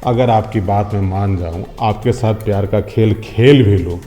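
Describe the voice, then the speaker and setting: A humble, honest security guard in middle age, played by a man. His voice sits low and mellow, and he speaks politely. The scene is from a scripted short drama. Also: moderate pace, faint music behind, lightly acted. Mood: cautious. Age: middle-aged. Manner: polite, respectful, pleading.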